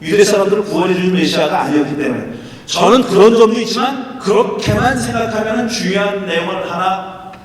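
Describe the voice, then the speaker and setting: Male pastor preaching, high voice, sounds far from the mic in a big echoey church, faint hum behind. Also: fairly quick, a loud crowd. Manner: animated, emphatic preaching with sudden loud and soft turns. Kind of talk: sermon. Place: church sanctuary.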